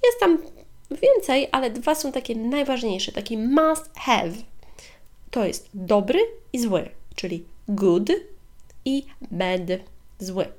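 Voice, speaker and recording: A woman hosting a podcast lesson, speaking directly to the listener and saying English examples slowly and with emphasis. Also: a little high. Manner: switches between Polish and slow, emphatic English examples; friendly, direct address to the listener. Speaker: podcast host and English teacher.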